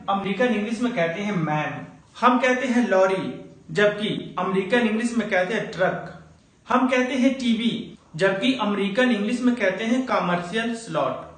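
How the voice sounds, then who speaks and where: Guy with a pretty high voice explaining a lesson, lots of room echo. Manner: addresses viewers as friends, steady explaining. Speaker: English teacher. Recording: very echoey room.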